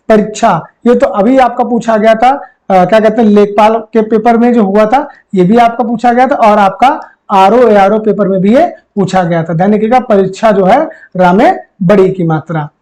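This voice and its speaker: A man's voice: high voice, a little mellow, poor audio. Man tutoring Hindi exam spelling. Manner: repeats words and quizzes the viewer; calls viewers friends. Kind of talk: Hindi grammar lesson.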